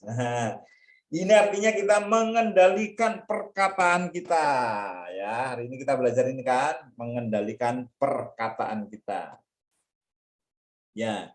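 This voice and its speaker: A man teaching a children's church lesson in an animated way, acting out taunts in a high put-on voice. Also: echoey room. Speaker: Sunday school teacher.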